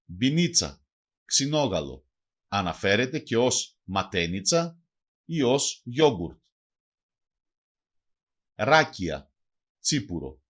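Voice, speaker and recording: Lively male lesson narrator. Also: lowish voice. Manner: reads words, then gives each translation, in measured teaching cadence. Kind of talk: scripted bilingual lesson narration.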